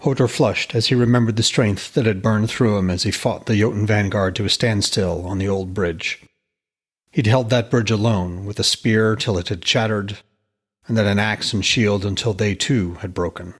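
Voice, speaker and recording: A man narrating a scripted tale, gravely telling ancient myth. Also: fairly low pitch, fairly even intonation, normal speed. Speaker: podcast narrator.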